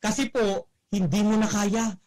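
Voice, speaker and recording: A young man giving a motivational testimonial speech, exclaiming and shouting, often tagging his lines with a questioning "no?". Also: high-pitched, little pitch movement, unhurried, slight background noise. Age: young adult. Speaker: network marketing speaker giving a testimonial.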